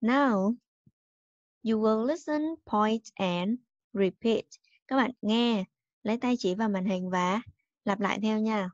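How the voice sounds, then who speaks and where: Woman teacher slowly stressing English words. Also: medium pitch, dry recording, lo-fi sound. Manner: clear, emphatic teacher talk that repeats and stresses each English word. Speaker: primary school English teacher. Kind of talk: recorded bilingual English lesson for young children.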